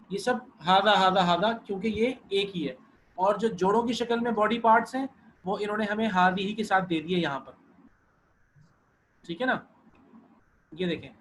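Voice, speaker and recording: A man's voice: high voice, fairly bright tone, slight background noise, rough recording. A man teaching an online Arabic class, patient, often repeating and checking that students follow.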